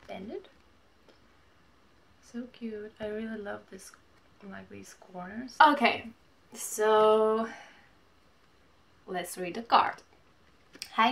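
A woman in her twenties chatting casually while opening mail at home, gushing and reading letters aloud haltingly. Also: mid-range voice, creaky, a little hiss or hum. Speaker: vlogger. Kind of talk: casual unboxing chat. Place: small home room, indoors.

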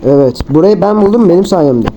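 A young man chatting casually while playing a game with friends, excitable and loud. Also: sits high, brisk, crowd noise, poor audio. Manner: excitable, shouts for help. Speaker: gamer. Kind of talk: casual gaming chat.

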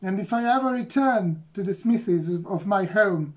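A man's voice: high-pitched, expressive, moderate pace. A man reading as a stammering, humble dwarf. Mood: earnest. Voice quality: stammering, hesitant. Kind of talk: reading a novel aloud.

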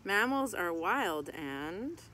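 Sitting in a garden by a tree, a thirties-aged woman reads a picture book to children teacher-style, phrase by phrase with little asides. She has a lowish, pushed, bright voice with big pitch swings and drawn-out words. Outdoor noise includes birdsong and a rooster.

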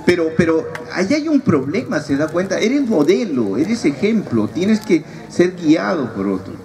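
A man's voice: sits high, sing-song, measured pace, darkish tone. A man giving a humorous preaching talk at a youth retreat and teasing his audience. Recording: distant mic, audible crowd, noisy.

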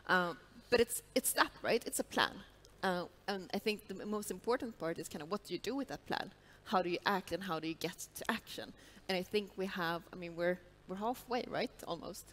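A woman with a somewhat low voice speaks as a panelist on a big stage, thoughtful and full of small fillers. A headset mic carries her, with faint noise in the hall. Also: lively intonation, fairly quick, fairly bright tone. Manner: thoughtful, uses many fillers like kind of. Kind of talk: panel discussion. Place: large stage.

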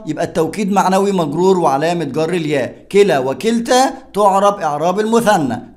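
Egyptian male teacher, brisk and high-pitched, walks through grammar examples one by one. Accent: Egyptian Arabic. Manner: explains step by step, asks and answers his own questions. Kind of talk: grammar lesson.

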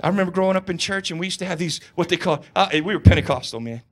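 A male pastor preaching a sermon in an animated, conversational storytelling style, with touches of humor. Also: high voice, rapid-fire.

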